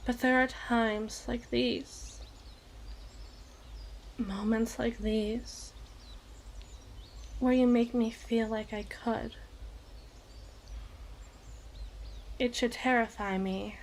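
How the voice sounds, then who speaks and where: Here the same style of ASMR roleplay has a woman performing an eloquent, obsessive evil queen, pausing theatrically and choosing each phrase deliberately. Her pitch is fairly high and her intonation fairly even, with a little hiss or hum in the background, and she comes across as vulnerable.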